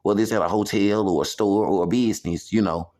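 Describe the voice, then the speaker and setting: A man's voice: lowish voice, quick pace, dark tone. Emphatic man in a rambling monologue. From United States. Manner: repetitive, emphatic, heavy use of "you know". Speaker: vlogger. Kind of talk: personal monologue to camera.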